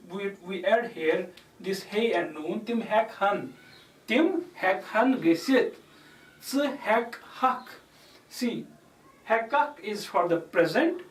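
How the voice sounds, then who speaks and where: Guy teaching a language lecture, talks real slow and says examples over and over, echoey room, far from the mic. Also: high voice. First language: Kashmiri. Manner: repeats each example word by word while explaining. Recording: roomy echo, mic far off.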